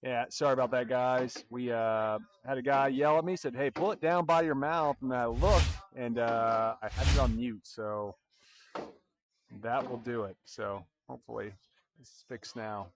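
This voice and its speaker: A man's voice: medium pitch, measured pace. Male stream commentator, easygoing and chatty, faint background noise. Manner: relaxed, chatty, addresses viewers directly. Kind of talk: casual livestream commentary.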